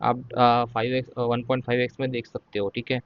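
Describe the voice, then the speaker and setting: A man's voice: medium pitch, monotone, clear, resonant tone, dry recording, lo-fi sound. A man, explaining trading charts step by step in a casual lesson and often checking in with the listener. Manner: explains step by step, repeats "ठीक है" often, says he will speak slowly. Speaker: stock market trading educator.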